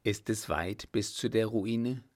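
A man reading aloud and voicing a calm, watchful gentleman posing as a doctor, with measured, composed questions. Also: on the low side.

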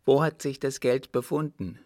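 A man reading aloud and voicing an eager, bright little boy who asks earnest questions. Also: mid-range voice, fairly even intonation, normal speed, dry recording, clean studio sound, pitched above the performer's own voice, close to an everyday voice. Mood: curious.

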